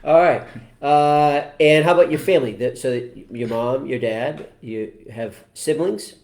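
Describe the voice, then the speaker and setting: A man's voice: on the high side, unhurried, a little mellow. Chatty priest in his forties, echoey room. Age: 40s. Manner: chatty, joking, with many "uh" fillers. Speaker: parish priest hosting. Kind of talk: casual parish livestream interview. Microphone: computer camera mic.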